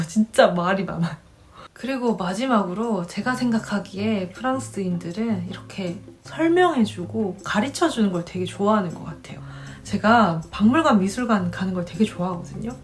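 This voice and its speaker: A woman in her twenties telling stories casually to her viewers, chatty and animated, acting out the people she met. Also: mid-range voice. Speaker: vlogger. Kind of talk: casual storytelling to camera.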